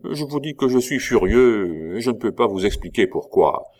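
A man voicing an irritable army commandant, talking in a gruff, loud, exasperated way in a read-aloud novel. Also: low-pitched, lively intonation, normal speed. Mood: agitated. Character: irritable middle-aged army commandant, gambler.

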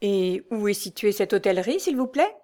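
A woman voicing a naive young provincial gentleman, speaking with formal courtesy. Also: mid-range voice, very animated, normal speed, natural voice. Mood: courteous.

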